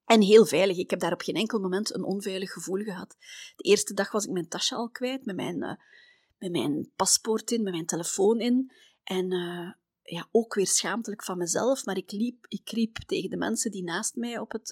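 Flemish woman, middle-aged, podcast host, chatty storytelling, mid-pitched voice, dry close sound. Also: husky, no room sound. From Belgium. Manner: chatty, tags sentences with "hè", often drops to a soft near-whisper. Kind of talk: personal travel storytelling.

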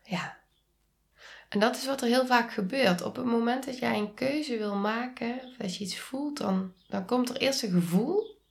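A woman with a Dutch accent hosting a reflective solo podcast, speaking calmly and softly and often dropping into a whisper. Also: fairly high pitch, creaky. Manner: slow, calm, soft-spoken, drops to whispers. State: sneezing. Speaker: podcast host and coach.

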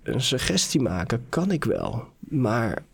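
A man's voice: medium pitch, sing-song, slow pace, creaky, in a large hall, exaggerated voice. Man voicing a frustrated butterfly god.

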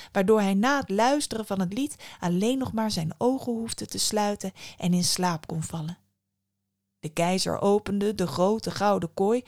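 A woman podcast host narrating a fairy tale in a calm, measured storytelling manner. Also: mid-range voice, no room sound, clean studio sound.

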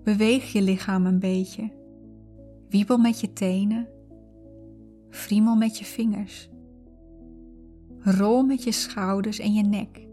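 A woman narrating a guided visualization in a calm, soothing, unhurried way. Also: mid-range voice. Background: background music.

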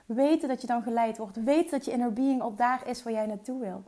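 A woman's voice: a little high, a little fast, warm tone. A woman entrepreneur giving an earnest motivational coaching talk, mixing in English phrases and sometimes dropping to a whisper. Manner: mixes English phrases into her speech.

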